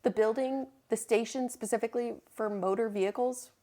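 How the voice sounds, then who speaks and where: Female podcast co-host, easygoing and chatty, quick to tease and laugh. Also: fairly high pitch, steady tone, dark tone. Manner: chatty, laughs often, teasing. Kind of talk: casual chat.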